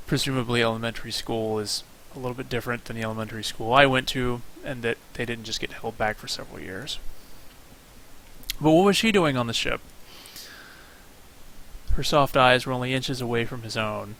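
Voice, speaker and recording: A man's voice: medium pitch, steady tone, quick pace, few pauses, a bit bright, a little hiss or hum, rough recording. A man streaming, reading a game's story aloud with wry asides. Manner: wry asides between narration. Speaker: streamer reading a visual novel. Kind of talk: reading aloud with casual commentary.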